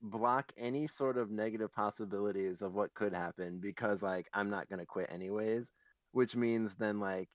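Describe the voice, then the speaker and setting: A man's voice: on the low side, normal speed, no room sound, dull audio. A man co-hosting a podcast in casual chat, rambling and full of fillers, laughing often. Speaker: podcast co-host.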